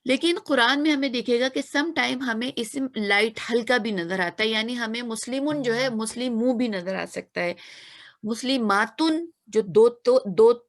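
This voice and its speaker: A woman's voice: fairly high pitch, normal speed. A woman teaching a grammar lesson, patiently repeating examples and checking that students follow. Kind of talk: explanatory lesson.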